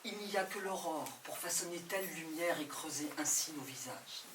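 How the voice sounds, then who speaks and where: A woman's voice: deep voice, normal speed, background noise. A woman performing an intense, theatrical poetic monologue, speaking directly to a listener. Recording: roomy and distant from the mic.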